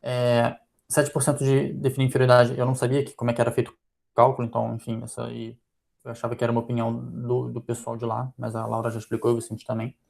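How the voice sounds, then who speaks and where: A Brazilian-accented man walks through a study's weaknesses at a quick clip. His voice carries a gravelly, creaky edge, and he thinks aloud with frequent fillers as he moves from point to point. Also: medium pitch, completely flat delivery, darkish tone. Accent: Brazilian Portuguese. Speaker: physician presenting a journal article. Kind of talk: journal club critique.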